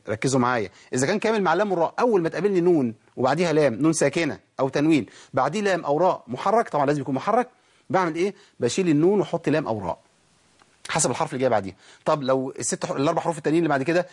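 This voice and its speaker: A man's voice: fairly high pitch, breathy edge. A man with an Egyptian accent teaching Quran recitation rules, asking questions and answering them himself while drawing out sample sounds. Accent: Egyptian Arabic. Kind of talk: tajweed lesson.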